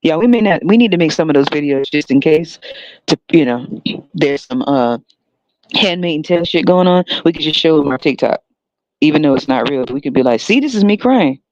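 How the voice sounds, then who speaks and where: A man's voice: a little high, brisk, no room sound. A man hosting a solo podcast, talking in a heavily sarcastic, mocking way and often laughing. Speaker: podcast host. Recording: dull lo-fi dry recording.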